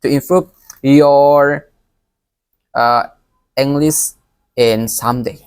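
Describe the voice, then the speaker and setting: A young man with a Palembang Indonesian accent gives a recorded exam presentation as an education student, halting and often repeating words. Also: mid-range voice, steady tone, clean tone, dry recording. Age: young adult.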